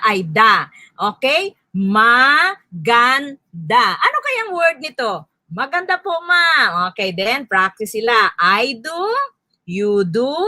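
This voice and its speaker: A woman's voice: a little high, bright, forceful tone, dry recording. A Filipino woman leading a teacher training lesson, modeling reading drills aloud and correcting herself as she goes. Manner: demonstrative, claps and counts syllables aloud; self-correcting, brisk asides. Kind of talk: lecture mixing Filipino and English. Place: indoor training session.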